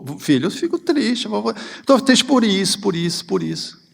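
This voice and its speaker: A man voicing a tearful parent who tenderly comforts a child, speaking softly and hesitantly with a Brazilian Portuguese accent. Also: high-pitched, big pitch swings, moderate pace, gravelly, in a large hall, a little hiss or hum, full character voice.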